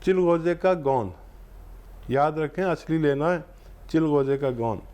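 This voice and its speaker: Calm man giving home-remedy advice. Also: a little high, unhurried. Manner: calm, reassuring, instructive. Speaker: herbal remedy expert answering callers. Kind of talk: phone-in advice show.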